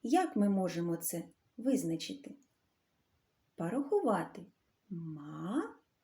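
Slow, sing-song woman teaching children. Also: medium pitch, big pitch swings, mellow. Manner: slow, clear, drawn-out sounds for children. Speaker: primary school teacher. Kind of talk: literacy lesson for young children.

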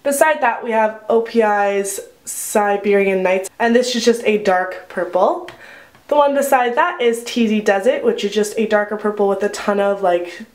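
A woman's voice: medium pitch, normal speed. A young adult woman chatting casually as a beauty vlogger, informal and conversational, in a bathroom with a big echo. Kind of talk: casual chatty video narration. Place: indoors, echoey bathroom.

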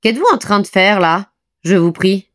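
A woman voicing a cheerful, friendly male beaver in a storybook, bright and a little puzzled. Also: mid-range voice, moderate pace, natural voice.

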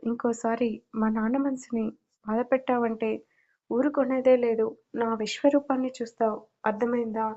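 A woman's voice: fairly high pitch, steady tone, moderate pace, dark tone, dull audio, lightly acted. A woman voicing a furious, threatening young man. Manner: threatening, harsh. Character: furious young man guarding his grieving father.

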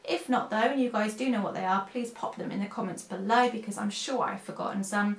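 A woman's voice: mid-range voice, brisk, vocal fry, a little hiss or hum. A tired woman chatting casually through a cleaning product haul, rambling and correcting herself as she talks at home. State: tired, unwell. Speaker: cleaning vlogger. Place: room at home with a dresser. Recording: echoey home room.

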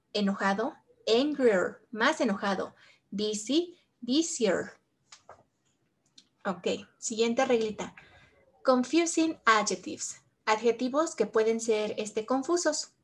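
A woman teaching English grammar, patiently repeating each example in two languages. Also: fairly high pitch. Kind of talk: bilingual grammar lesson.

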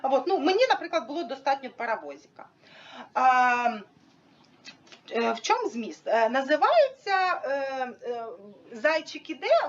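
Woman with a high, animated voice, teaching with props and pausing on fillers. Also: lo-fi sound. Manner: hesitant, many fillers, demonstrates with props. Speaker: teacher explaining a method. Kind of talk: informal instructional talk.

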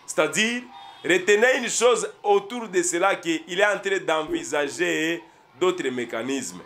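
A man's voice: sits high, expressive, measured pace, fairly bright tone. A man with a Congolese French accent giving live political commentary, emphatic and repeating his key points.

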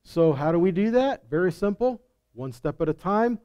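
A middle-aged preacher speaks through a headset from an indoor congregation hall stage, giving a forceful teaching sermon with scripture readings and rhetorical questions he answers himself. His high, smooth voice has lively intonation and a moderate pace, though the audio is dull.

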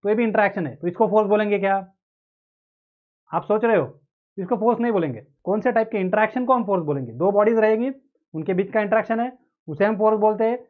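A man's voice: high voice, fast talker. A man giving a classroom lecture on engineering. He explains with everyday examples and asks questions that he answers himself. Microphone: close mic. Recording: tinny narrow-band audio.

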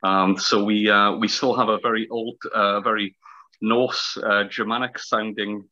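This interview guest, a historical fencing teacher in his fifties from Northumberland in north-east England, has a fairly low, pushed and bright voice with little pitch movement and a measured pace. His heavy Northumberland accent stretches the vowels, and he gropes for words as he explains. He's on a video call at webcam distance in a small room at home, and the sound is a little dull.

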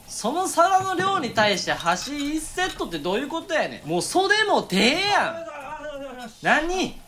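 A young man in his twenties with a Kansai accent, delivering comic voice-over commentary as the straight man. He fires off sharp, exasperated retorts. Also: high-pitched. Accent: Kansai Japanese. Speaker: comedian.

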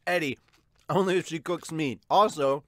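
This fairly high-pitched, slightly bright male voice moves at a moderate pace. He's a manga reviewer and host in his thirties, chatting casually and going through viewer comments from a small bookshelf-filled room at home, recorded close on a large desktop microphone with a pop filter.

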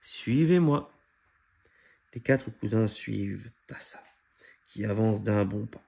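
A man reading a children's picture book aloud in a steady storytelling manner. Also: on the low side, unhurried, vocal fry, a little hiss or hum. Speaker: storybook reader.

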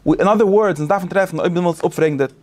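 A man teaching a casual study lesson, animated and thinking aloud with many restarts. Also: high-pitched, rapid-fire.

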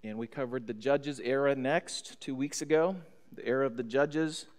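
A man's voice: mid-range voice, normal speed. A middle-aged American man, a pastor, teaching a Bible study lesson from the pulpit and checking in with his listeners. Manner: teacherly, checks in with listeners, reads scripture aloud. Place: church sanctuary at a pulpit. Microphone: stand mic on pulpit, far camera. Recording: long church hall reverb.

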